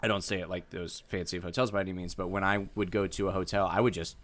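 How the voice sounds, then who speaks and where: A man hosting a podcast, asking quick, curious, joking questions in a casual chat. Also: sits low, level tone, fairly bright tone. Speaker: podcast host.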